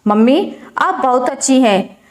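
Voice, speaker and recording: A kind young daughter-in-law, voiced by a woman storyteller, speaks softly and pleadingly in a high voice. A roomy echo hangs on the recording. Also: lively intonation, unhurried. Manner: soft, pleading.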